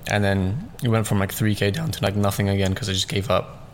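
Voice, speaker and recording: A podcast guest in his 20s, a business owner born in Russia and raised in southeast London, rambles through a casual interview chat full of fillers and "like"s. His voice is a bit low, level in tone and brisk, with a faint room hum behind.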